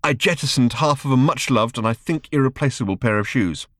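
A man's voice: mid-range voice, brisk, a bit bright, no room sound, studio quality, pitched above the performer's own voice, natural voice. A man voicing Ford, an impatient, self-regarding alien man, in an audiobook reading. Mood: smug. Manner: clipped, impatient, earnest. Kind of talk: audiobook character voice.

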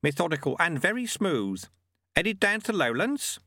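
A man voicing a wry, unflappable old master sweeper who talks smoothly and teasingly. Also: fairly high pitch, sing-song, normal speed, sharp tone, no room sound, clean studio sound, pitched above the performer's own voice, heavily acted. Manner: smooth, teasing, airily lofty.

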